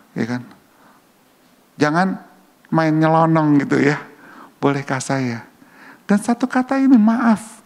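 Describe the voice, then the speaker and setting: A man giving a conversational church talk on public relations, often checking in with his listeners with quick rhetorical questions. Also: sits high, gravelly, darkish tone. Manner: chatty, keeps asking "ya kan?" to the audience. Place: church hall. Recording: long hall reverb.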